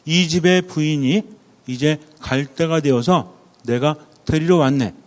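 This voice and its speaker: A man voicing a solemn male angel of death who speaks slowly and measuredly. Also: on the high side, long reverb tail, close to an everyday voice. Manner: slow and measured.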